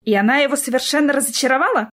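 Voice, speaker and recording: Casting: woman reading as a spirited, scheming writer, somewhat high and bright, for an audiobook. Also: racing. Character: lively scheming woman writer Klara, quick-tempered.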